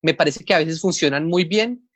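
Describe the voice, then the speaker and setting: A man's voice: a little high, moderate pace, fairly bright tone. A Colombian man, a comics editor, talking casually over a video call, rambling and explaining things step by step. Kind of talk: casual panel talk.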